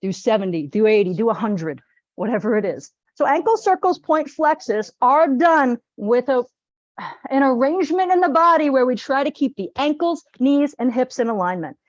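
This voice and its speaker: A woman teaching a live group exercise class in a lively, chatty, joking and direct way. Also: sits high, moderate pace, no echo, highs cut off. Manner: direct, plain-spoken coaching. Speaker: posture exercise instructor.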